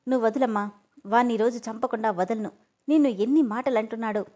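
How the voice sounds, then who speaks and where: A woman's voice: fairly high pitch, a little fast, mellow, natural voice. A woman voicing a stern older man who heads the family and speaks in rage. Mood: furious. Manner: furious, commanding. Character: stern older man, the angry head of the household.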